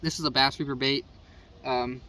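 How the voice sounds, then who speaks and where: With a steady, sharp, mid-range voice at a moderate pace, a young Midwestern man casually goes over his fishing gear for his channel. He talks in a relaxed, rambling way while standing outside next to a house. Audio from his arm's-length phone camera is a little distant, with faint noise from outdoors.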